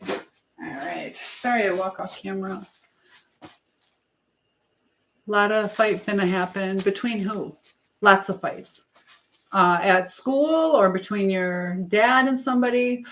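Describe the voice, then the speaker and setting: A woman hosts a casual live chat from her kitchen, giving advice and talking informally to viewers while she cooks. Chatty, she reads viewer messages aloud and questions them in a medium-pitched, slightly bright voice, speaking slowly with frequent pauses. The room is echoey with background noise.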